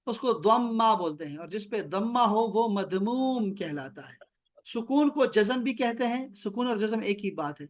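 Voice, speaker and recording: A man teaching Arabic letters and vowel marks in an online video-call class, explaining step by step and repeating key terms slowly. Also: high voice.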